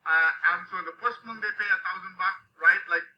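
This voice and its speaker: A man from Sri Lanka who grew up in India hosts a live online session, pitching a course to viewers in an upbeat, pushy way, tagging his sentences with "okay?" and "right?". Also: brisk. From Sri Lanka, raised in India. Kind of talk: live webinar sales pitch. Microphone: video call microphone. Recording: dull lo-fi video call audio.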